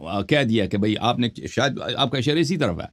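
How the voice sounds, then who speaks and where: A man's voice: mid-range voice, lively intonation. Male call-in host, confrontational, interrupts and lectures. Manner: scolding, accusing, cuts in over the caller. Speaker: show host. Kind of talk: confrontational live call-in debate.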